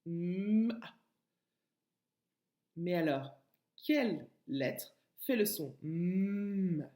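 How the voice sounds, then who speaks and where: A woman's voice: fairly low pitch, animated, drawn-out words, dark tone, echoey room. A woman teacher giving a recorded lesson to young children, speaking patiently and addressing the child directly. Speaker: kindergarten teacher.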